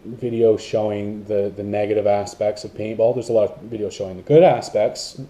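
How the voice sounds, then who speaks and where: A man's voice: fairly low pitch, steady tone, moderate pace, warm tone. A man vlogging about paintball to camera, in a rambling casual talk with many fillers and restarts.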